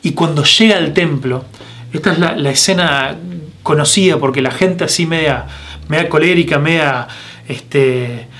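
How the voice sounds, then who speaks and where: Earnest Rioplatense pastor, higher voice. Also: male voice, moderate pace, a bit bright. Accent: Rioplatense Spanish. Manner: earnest, asks many direct questions, frequent restarts and fillers. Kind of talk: sermon. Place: church broadcast, recorded for online meeting.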